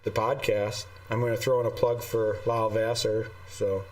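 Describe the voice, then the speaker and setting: A man's voice: fairly low pitch, little pitch movement, moderate pace. A man co-hosting a casual live podcast, rambling and laughing often, his voice carrying an echoey, roomy sound over an online call. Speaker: podcast co-host. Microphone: desktop USB microphone through a mixer. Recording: distant echoey call audio.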